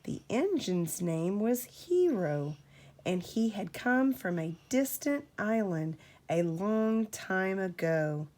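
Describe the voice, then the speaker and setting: In a mid-range voice, a woman reads a storybook aloud to her child, telling the tale in an expressive, deliberate way.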